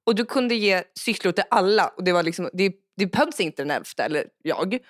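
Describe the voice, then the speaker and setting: A woman's voice: on the low side, animated, no room sound. A woman co-hosts a podcast, her voice rising and falling a lot as she talks. She is laid-back and teasing, and the recording is dry and close. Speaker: podcast co-host. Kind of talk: casual chat.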